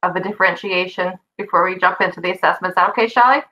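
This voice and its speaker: A woman's voice: on the low side, very fast, pushed and bright, dull audio. A middle-aged woman presenting examples at a remote school board meeting over a video call, conversational with fillers and self-corrections. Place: indoor room on a video call.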